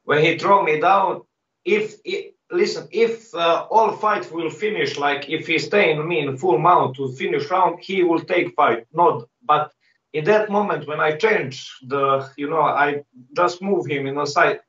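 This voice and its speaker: A cocky male fighter with a slightly high voice, speaking in halting non-native phrasing and bragging casually. He sounds away from the microphone in an echoey room. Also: a bit bright. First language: not English. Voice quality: halting, broken English phrasing. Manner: cocky, boastful. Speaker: MMA fighter being interviewed. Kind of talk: casual pre-fight interview trash talk. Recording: dull, echoey, distant call-like sound.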